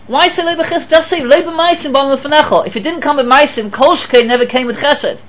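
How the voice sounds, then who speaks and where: Speaking briskly in a very high-pitched voice, a rabbi teaches Torah. He blends Hebrew and Yiddish expressions into English while swinging from intense emphasis to quiet murmurs.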